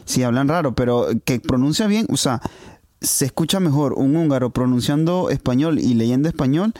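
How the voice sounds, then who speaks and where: A man with a Venezuelan accent co-hosts a casual chat, rambling through complaints and repeating words while he searches for the next one. His voice is mellow and warm at a medium pitch. The recording is dry and close. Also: lively intonation, normal speed, no room sound. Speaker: podcast co-host.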